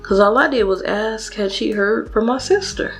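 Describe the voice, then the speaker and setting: Young woman vlogger, gravelly fry, rambling storytime over faint music. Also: fairly high pitch, normal speed. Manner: casual, chatty, many fillers and restarts, addresses viewers directly. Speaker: beauty vlogger. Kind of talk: storytime while doing makeup.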